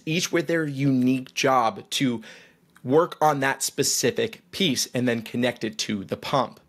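Speaking from a small studio room through a boom-arm mic, this thirtysomething vlogger gives an explainer on a gadget. His tone is cheerful with a light comedic touch.

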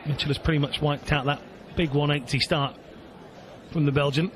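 A man giving live darts commentary in measured, short play-by-play phrases. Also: a little high, fairly even intonation. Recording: clear background venue noise. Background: darts venue ambience.

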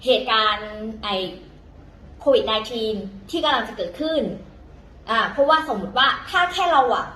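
A woman's voice: a little high, lively intonation, moderate pace, a bit bright, roomy sound, slight background noise, low-quality recording. A woman teaching in a casual, chatty way, full of fillers and self-corrections, talking to viewers as younger siblings. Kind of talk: casual vlog-style lesson.

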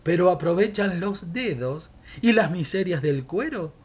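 Speaking into a desk webcam in a room at home, a Rioplatense-accented man in his sixties performs a funny rhymed monologue. The voice sits high, expressive and a little slow with a breathy edge, delivered theatrically with mock gossip and chuckles.

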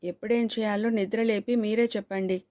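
Fearless easygoing village lad for an audiobook, blunt and relaxed, read by a woman, warm dry tone. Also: mid-range voice, a little fast, no room sound, lightly acted. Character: carefree sleepy young village man, fearless.

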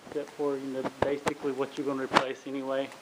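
A man's voice: mid-range voice, completely flat delivery, quick pace. A man giving a casual walk-through commentary inside a small empty trailer, recorded on a handheld phone. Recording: noisy handheld recording with clicks.

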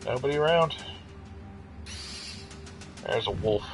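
A man's voice: medium pitch, takes it slowly, faint music behind, rough recording. A man giving casual let's-play commentary as a gamer, joking and muttering asides with some swearing.

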